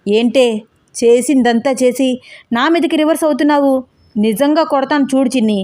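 A woman's voice: high voice, moderate pace, darkish tone, no room sound, clean studio sound, natural voice. A woman doing an annoyed young man, scolding. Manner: scolding, exasperated. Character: irritated young man, quick-tempered fiancé.

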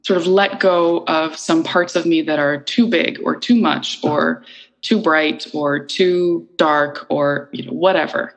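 A woman's voice: low voice, fairly even intonation, measured pace, low-quality recording. A middle-aged woman from Iceland, an interview guest talking thoughtfully and searching for her words. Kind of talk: reflective conversational interview.

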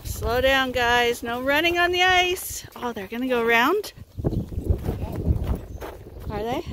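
A woman's voice: high-pitched, lively intonation, slow. A woman sheep farmer from Canada talking casually to the camera and coaxing her animals as she walks around the farm. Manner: chatty, coaxing animals, often laughing. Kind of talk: casual farm vlog narration. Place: outdoors on a snowy farm and in a barn. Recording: noisy outdoor farm recording. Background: sheep bleating and farm ambience.

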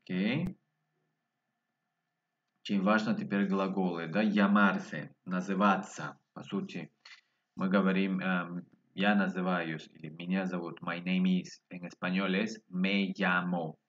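A man teaching Spanish in an online lesson, slowly repeating each word twice, heard on muffled lo-fi audio. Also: sits low, flat delivery, a bit bright.

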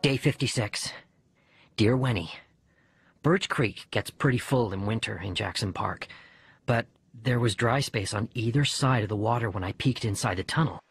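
A man with a lowish, breathy-edged voice narrates a first-person audiobook at a moderate pace, acting out the dialogue with expression. Music sits behind the voice, and there's no room sound.

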